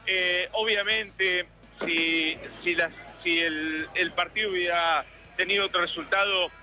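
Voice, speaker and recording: High bright-voiced man reporting live. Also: steady tone, soft background music, poor audio. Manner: quick questions to passers-by. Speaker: street reporter. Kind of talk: live radio street reporting. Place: crowded city square outdoors.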